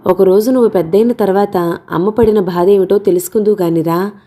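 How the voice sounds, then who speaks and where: Gentle young mother, read by a woman, soft and mild, mellow warm tone. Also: medium pitch, fairly even intonation, brisk, close to an everyday voice.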